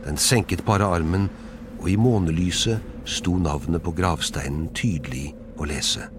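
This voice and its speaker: A man giving an expressive, dramatic storybook narration. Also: low voice, background noise.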